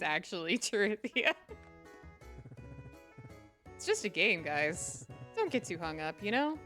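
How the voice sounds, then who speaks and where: A woman livestreamer reading video game dialogue aloud in a playful, expressive way. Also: medium pitch.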